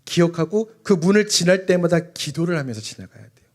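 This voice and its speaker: Animated young male preacher. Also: a little high, a little fast. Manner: animated, asks the congregation questions and acts out quotes. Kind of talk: lively family-worship sermon. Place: church sanctuary.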